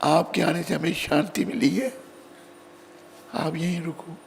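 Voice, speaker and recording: Pleading hell souls, man doing the voice, high, wailing, roomy hall echo. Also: steady tone, a little slow, vocal fry, slight background noise. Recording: reverberant hall.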